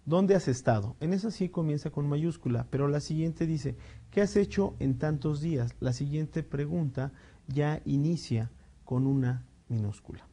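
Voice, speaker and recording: A male teacher explaining punctuation rules, reading example sentences slowly with emphasis and checking in with the class. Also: on the high side, dark tone. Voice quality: clears throat now and then. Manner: explanatory, with frequent fillers and checking "¿sí?". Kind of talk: recorded spelling and punctuation lesson.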